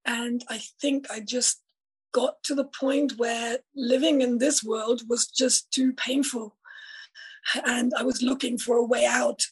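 Husky high-voiced woman from East Germany. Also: flat delivery, slow, low-quality recording. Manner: reflective, thoughtful storytelling. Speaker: interview guest, health and life coach. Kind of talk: casual conversational interview.

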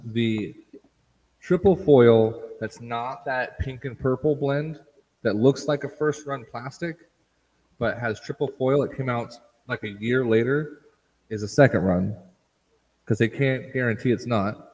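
A man's voice: mid-range voice, a little slow, darkish tone. A man co-hosting a casual chat, explaining carefully with hesitant fillers. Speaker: podcast co-host. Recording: long reverb.

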